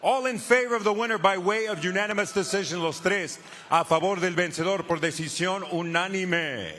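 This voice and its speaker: Bright, grand bilingual male ring announcer. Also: sits high, brisk. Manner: grand, ceremonious, drawing out names like a lucha libre announcer. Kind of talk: formal bilingual boxing ring announcing with drawn-out dramatic build-up. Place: live boxing arena.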